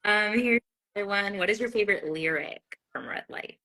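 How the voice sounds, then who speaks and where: Woman host reading fan questions, bright tense voice, upbeat. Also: mid-range voice, a little fast, rough recording. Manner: reads viewer questions, upbeat. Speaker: interviewer host. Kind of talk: live interview hosting.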